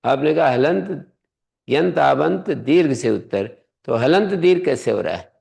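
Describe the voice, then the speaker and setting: A man teaching a Sanskrit grammar class, explaining rules step by step and pressing his students to answer out loud. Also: a little high, lively intonation, unhurried, vocal fry. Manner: quizzes students, presses them to answer aloud. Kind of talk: classroom lesson.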